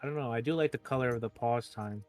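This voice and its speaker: A man co-casting an esports match, breaking down the plays in a quick conversational way. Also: mid-range voice, faint music behind. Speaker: esports color commentator. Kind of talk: game analysis commentary.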